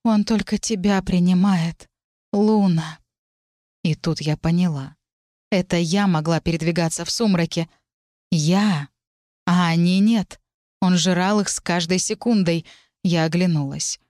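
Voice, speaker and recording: Woman reading a fantasy story out loud, lowish voice, dramatic, super dry close recording. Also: a little slow, no room sound. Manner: dramatic, shouting out the characters' cries. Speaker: audiobook narrator. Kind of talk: scripted first-person fantasy narration.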